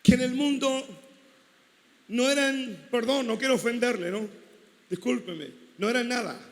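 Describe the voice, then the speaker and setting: A man with a Chilean Spanish accent preaching a sermon, swinging from loud shouting to hushed asides. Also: very high voice, unhurried. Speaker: pastor. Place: large church hall at a congress. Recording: long hall reverb.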